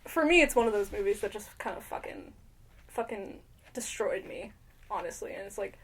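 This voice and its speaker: Young woman, fairly high voice, rambling casual podcast chat, lots of fillers and swearing. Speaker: podcast co-host.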